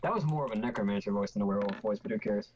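A man's voice: on the low side, rapid-fire, darkish tone, a little hiss or hum. Slightly muffled man playing a tabletop game. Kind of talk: casual game-table chat.

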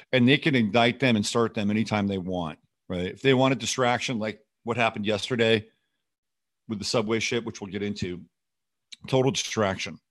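On his show, a man with a voice on the low side delivers unscripted political commentary. He rambles, sounding skeptical and sardonic and often turning profane.

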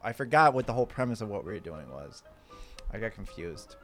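Goofy animated man playing along. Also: fairly low pitch, fairly quick, music in the background. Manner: goofy, self-deprecating, makes silly buzzer noises. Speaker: podcast co-host and contestant. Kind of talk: casual comedy podcast banter.

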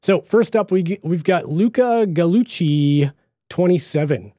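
A man's voice: sits high, expressive, unhurried, mellow, no echo, studio quality. Chatty Boston man hosting a podcast. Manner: rambling, chatty, frequent fillers and restarts. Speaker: podcast host. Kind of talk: casual solo podcast talk.

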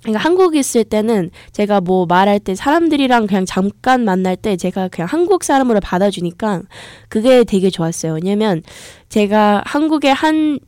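Racing along with lively intonation, a young American woman hosting a podcast tells a chatty story in Korean, then English, stumbling over fillers and restarts. Her medium-pitched voice has a darkish tone, and the studio sound is dry and clean.

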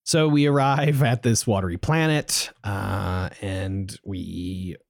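A man's voice: lowish voice, steady tone, slow, vocal fry, no echo. Rambling podcast guy, dry close sound. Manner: rambling, self-correcting, laughs often. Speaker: podcast co-host. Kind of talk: casual chat recapping a video game.

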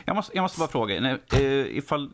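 A man's voice: mid-range voice, sing-song, background noise. A man co-hosting a casual interview, joking and teasing the guest.

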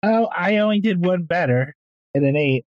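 A woman's voice: lowish voice, expressive, moderate pace, a little mellow, no room sound, dull audio. Playful woman improvising at a game table. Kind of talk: casual improvised game narration.

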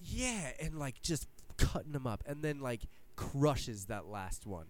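A young man co-hosting a podcast, talking excitedly and casually, swearing and acting out quotes as he recounts a scene. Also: mid-range voice, measured pace. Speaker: podcast co-host. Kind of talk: excited casual fan chat.

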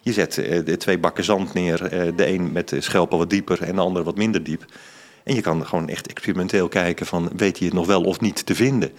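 A man's voice: sits low, steady tone, brisk. A middle-aged man, an author, explaining in a casual interview with many ums and restarts. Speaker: author and science journalist.

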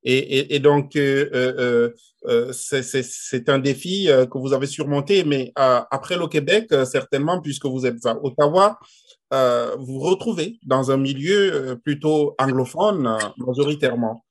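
A man's voice: medium pitch, moderate pace. A man interviewing a guest, asking long questions broken up by many fillers and repeated words.

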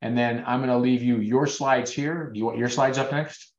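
A man's voice: medium pitch, steady tone, moderate pace. A man, a dentist, giving a webinar presentation over a video call in an earnest, persuasive storytelling way. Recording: roomy, dull webinar audio.

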